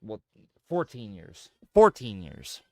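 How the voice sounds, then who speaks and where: This man in his thirties streams games and talks casually, full of jokes, profanity and lively playful banter. His voice is fairly low and slow-paced, recorded dry with clean studio sound.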